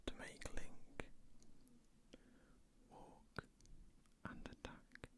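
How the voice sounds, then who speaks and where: Slow ASMR whisper, close to the ear. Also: sharp tone. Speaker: ASMR video creator. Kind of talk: whispered ASMR show-and-tell. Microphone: close stereo ASMR microphones.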